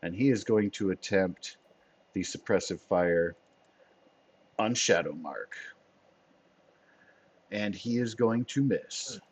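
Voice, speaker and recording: A man's voice: on the low side, takes it slowly, pauses often, breathy edge. Playful man running a tabletop game. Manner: playful, laughs often. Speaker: game master. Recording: dull lo-fi sound.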